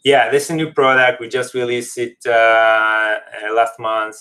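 Guy, medium pitch, explaining stuff on a podcast in slightly english. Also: flat delivery, a little slow, sharp tone. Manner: non-native English phrasing. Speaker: company representative, podcast guest. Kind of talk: casual interview, explaining a product.

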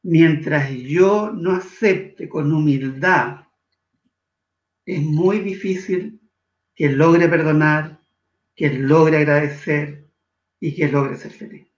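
A man from Chile, a guest in an interview, speaking in an earnest, measured way that slows for emphasis. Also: a little high, roomy sound, highs cut off. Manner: earnest, measured, shifts between slow emphasis and quick asides. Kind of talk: reflective interview talk.

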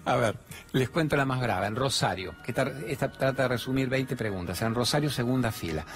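A man's voice: mid-range voice, brisk. Blunt Argentine man giving a talk. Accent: Argentine Spanish. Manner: colloquial and blunt, acts out dialogues. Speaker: spiritual speaker. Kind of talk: motivational stage talk with storytelling. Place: studio with two fixed cameras.

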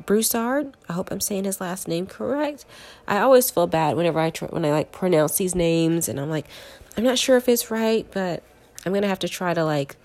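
A woman's voice: on the low side, a little fast, a little mellow. A woman with a congested, stuffy-nosed voice from a cold, hosting a casual, chatty horror movie review full of conversational filler words. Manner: chatty, conversational, frequent "like" and "you know". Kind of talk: casual solo review chat.

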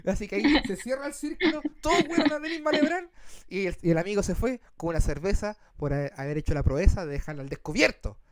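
A man with a Chilean accent, co-hosting a casual chat and telling a story in an animated, slangy way. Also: fast. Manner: animated, slangy, acts out quotes in a high voice. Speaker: podcast co-host.

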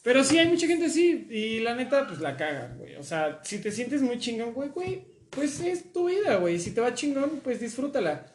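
A woman's voice: on the high side, big pitch swings, normal speed, hardly any pauses, darkish tone, echoey room. A woman with a Mexican accent chatting casually on a podcast, slangy and swearing freely. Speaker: podcast guest. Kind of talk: casual chat.

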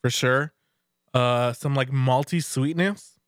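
A man's voice: mid-range voice, slow, smooth, dry recording, studio quality. A man co-hosting a podcast, teasing his friend and swearing casually while tasting beer. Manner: profane, teasing, laughs a lot. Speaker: podcast co-host.

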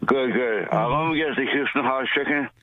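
A man's voice: medium pitch, normal speed, dry recording. A man calling in to a radio show over the phone, giving short, hesitant replies. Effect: heard over a phone line. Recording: tinny phone line.

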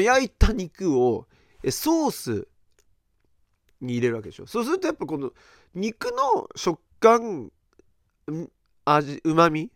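Heard in a dry, clean studio recording, a middle-aged podcast host with a slightly high voice tells a meandering, casual story. He fills it with verbal fillers and performs others' reactions in animated fashion.

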